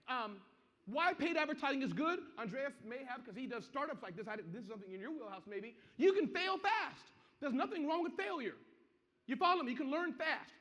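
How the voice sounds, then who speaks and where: High-voiced, energetic male seminar presenter. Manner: energetic, keeps checking in with the audience. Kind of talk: interactive business seminar talk. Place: seminar hall with a live audience. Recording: muffled, echoey hall.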